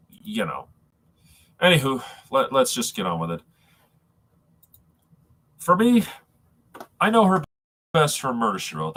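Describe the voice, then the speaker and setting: A man with a congested, nasal sound, as if his nose were packed, talking casually and haltingly to viewers on a live stream. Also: mid-range voice, a bit bright. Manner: halting, rambling, addressing viewers as folks.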